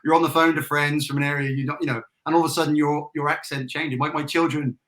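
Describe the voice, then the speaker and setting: An English man in his forties, a retired army major and business founder, chats about his life as an interview guest. His British accent carries a faint trace of Irish, and his slightly high, fairly bright voice moves fast on a level tone. He is casual and self-deprecating, laughs often, and restarts his sentences.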